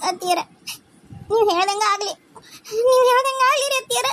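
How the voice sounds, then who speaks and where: A woman's voice: very high voice, a little fast, slight background noise. A woman voicing a tearful young daughter-in-law in a cartoon family drama, crying and pleading respectfully in a North Karnataka Kannada accent.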